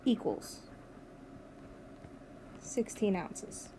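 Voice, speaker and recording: A woman's voice: drawn-out words, noisy background. A woman teacher recording a math lesson for her students, upbeat and encouraging as she walks them through each step. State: has the hiccups. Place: at home with her dog nearby.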